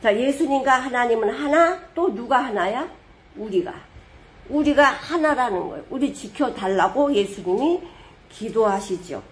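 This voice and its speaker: A woman pastor preaching a sermon with lively storytelling, asking rhetorical questions and suddenly booming out dramatic quotations. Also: measured pace.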